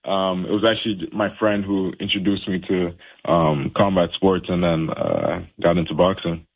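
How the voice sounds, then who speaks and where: This young Canadian boxer has a deep, husky voice, fairly even intonation, and a normal speed. In a casual phone interview over a tinny line, he keeps things easygoing, with plenty of fillers and laughs.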